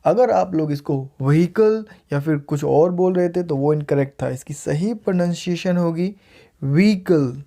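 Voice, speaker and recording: A man's voice: fairly high pitch, warm tone. Indian man teaching English pronunciation. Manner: repeats words slowly and clearly for learners. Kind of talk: casual video lesson.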